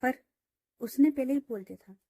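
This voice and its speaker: A woman's voice: high voice, normal speed, dark tone, no echo. A woman telling a romance story in a casual, chatty way, full of fillers, into a close mic.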